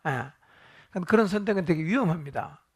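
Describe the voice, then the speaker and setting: Male pastor, fairly high voice; interactive Bible study sermon, asks the room questions and jokes. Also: expressive, brisk, a little mellow, slightly rough.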